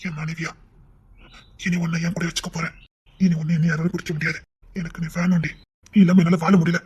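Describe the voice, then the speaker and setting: A man voicing a possessive, lovesick young husband in an audio romance drama, talking in an insistent, commanding way that turns low and tender. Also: level tone, fast, darkish tone, breathy edge.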